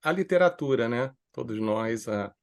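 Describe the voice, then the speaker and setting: A Brazilian man hosting an academic seminar Q&A, speaking in halting, hesitant phrases. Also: medium pitch, lively intonation. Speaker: seminar moderator.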